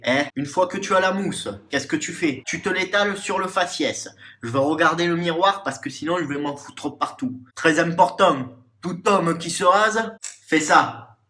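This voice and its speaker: A man's voice: high voice, bright, forceful tone. A young man hamming up a crude, boastful macho persona in a comic beauty tutorial, recorded at home in his bathroom. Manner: crude, boastful macho bravado, tagging lines with "hein". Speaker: comedy YouTuber in character.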